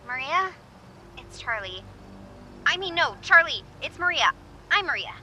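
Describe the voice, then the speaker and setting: In this naturalistic video game role, a woman plays a young radio advice host who is awkward and flustered, nervously and defensively rambling, backtracking and getting dryly sarcastic. She uses an exaggerated, high voice with big pitch swings and a sharp tone, speaking a little slowly.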